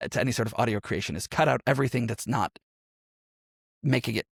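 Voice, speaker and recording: This podcast guest, a musician and role-playing game performer, has a mid-range voice that's gravelly and slightly rough, and he speaks at a quick pace. He explains his points thoughtfully in a conversational interview, captured in clean studio sound without echo.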